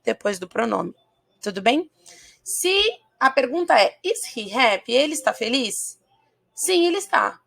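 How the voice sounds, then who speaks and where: Gravelly-voiced Brazilian woman teaching English. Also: on the high side. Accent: Brazilian Portuguese. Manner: patient, checks in often with listeners; slows down to model English phrases. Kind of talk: recorded video lesson.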